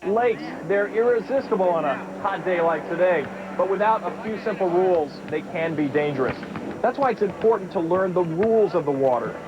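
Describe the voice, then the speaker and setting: A man reading a water-safety announcement in a clear, instructive way, heard from a worn VHS tape copy. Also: sits high, expressive, fairly quick, lo-fi sound, noisy background. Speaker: public service announcer.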